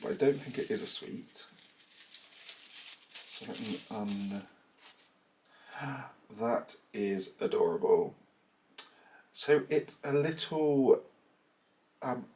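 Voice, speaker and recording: A man of medium pitch, with a little hiss or hum on the recording, vlogs about knitting from a small cluttered room at home via his camera mic. He's from southern England with the accent to show it, chatting casually, rambling, poking fun at himself, and sounding a touch nasal and bunged up.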